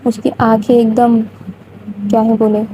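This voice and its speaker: A woman's voice: on the high side, little pitch movement, mellow, a little hiss or hum, rough recording. A woman casually retelling a love story in a chatty, informal way. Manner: chatty, informal, frequent English fillers.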